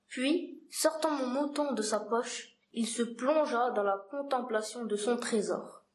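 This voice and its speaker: Woman reading a storybook aloud calmly. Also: a little high. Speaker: reader. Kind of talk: storybook narration read aloud.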